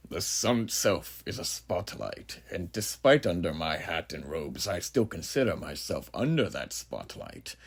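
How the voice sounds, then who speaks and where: A man playing a huge, ageless, sinister judge who muses grandly and theatrically in a horror monologue, with a gravelly, breathy voice and rhetorical questions to the listener. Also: deep voice, big pitch swings, a little slow, hardly any pauses, heavily acted. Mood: ominous philosophizing. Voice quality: gravelly, husky, breathy at phrase ends. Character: huge ageless sinister philosophizing judge, menacing male drifter.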